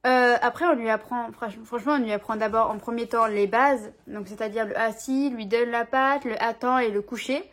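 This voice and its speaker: A young woman with a slightly high voice talks casually to her camera at home. Her speech is loose and slangy, full of little fillers and restarts, like an easygoing vlog chat. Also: steady tone, normal speed, few pauses, fairly bright tone. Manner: chatty, informal, slangy, frequent fillers. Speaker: vlogger.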